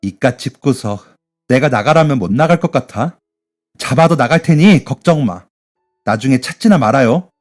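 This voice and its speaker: A man's voice: medium pitch, lively intonation, normal speed, faint music behind, lightly acted. A man voicing a defiant, bullying eldest son who talks back to his mother.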